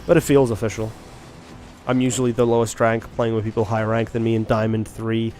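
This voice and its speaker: A fairly low, flat, slightly mellow male voice moves at a brisk clip as a young man from Ireland rambles casually to his game-stream viewers. He keeps restarting and asking questions, with faint beats behind him.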